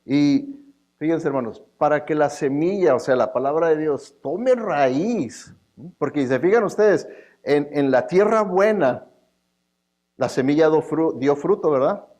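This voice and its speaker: A man's voice: on the high side, expressive, unhurried, darkish tone. A man preaching a sermon in a conversational way, with joking asides, often checking in with the congregation. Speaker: pastor.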